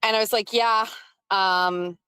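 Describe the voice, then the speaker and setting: A woman's voice: mid-range voice, fairly even intonation, slow pace, sharp tone, clear, resonant tone. Woman streamer just chatting live, lots of likes and ums, dry sound, no room echo. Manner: rambling with frequent "like" fillers and laughs; reads and answers chat comments. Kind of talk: casual storytelling on a live stream.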